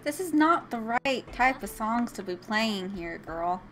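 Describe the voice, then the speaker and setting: A woman's voice: fairly high pitch, animated, measured pace, fairly bright tone, a little hiss or hum. A young woman giving chatty, emotional commentary while playing a life-sim game as a video host. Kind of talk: casual gameplay commentary.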